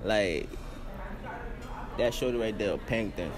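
A man's voice: on the low side, takes it slowly, crowd noise. Young man doing slangy street interviews. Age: young adult. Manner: slangy, joking. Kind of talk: casual vox-pop street interview. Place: large indoor campus lobby. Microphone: small handheld recorder passed between speakers.

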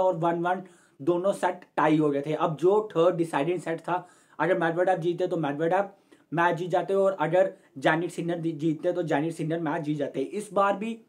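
A man's voice: fairly high pitch, a little mellow. A young man hosting his own sports channel, giving a chatty, casual match analysis straight to camera from a room at home and calling his viewers friends. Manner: gestures with hands while explaining.

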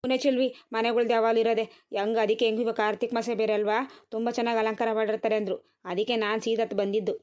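A woman's voice: on the high side, little pitch movement, racing, darkish tone, clean tone, highs cut off, close to an everyday voice. A woman voicing a fussy elder village woman in a comedy cartoon, scolding and giving instructions. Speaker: cartoon character.

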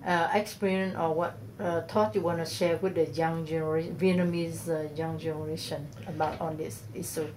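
A woman interviewer asking questions off camera, with halting, hesitant phrasing full of "uh"s. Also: sits low, fairly even intonation, darkish tone, slight background noise, low-quality recording.

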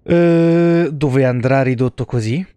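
Speaking slowly in a medium-pitched, dark yet clean voice with no room sound, an Italian man in his thirties streams a game. He keeps the commentary casual and very profane, peppering it with asides to chat.

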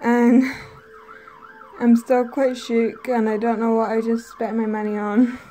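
Excitable woman vlogging, higher voice. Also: measured pace. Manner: excitable, gushing, with gasps and laughter. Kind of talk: casual vlog to camera.

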